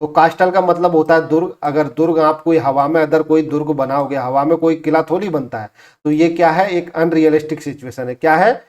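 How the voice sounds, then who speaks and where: Male teacher, a bit high-pitched, asks and answers his own questions, repeats key words. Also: steady tone, darkish tone. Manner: slows down to spell out English phrases. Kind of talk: exam-prep lesson.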